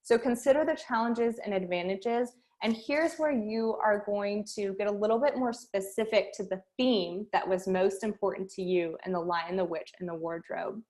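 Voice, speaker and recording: A woman's voice: mid-range voice, normal speed, few pauses, a little mellow. Woman coaching through questions. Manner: guiding students with a string of questions. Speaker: speech and debate coach. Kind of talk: online workshop lesson.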